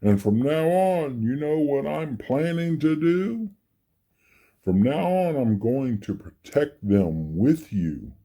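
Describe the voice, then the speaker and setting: A man voicing a big, protective kangaroo parent in a storybook, speaking slowly and emphatically. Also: mid-range voice, sing-song, warm tone, full character voice. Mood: agreeing, resolved. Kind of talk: storybook reading.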